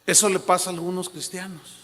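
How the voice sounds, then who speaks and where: A man's voice: sits high, little pitch movement, a little fast, a bit bright, long reverb tail. A man preaching a sermon as pastor, emphatic and urging as he warns his congregation.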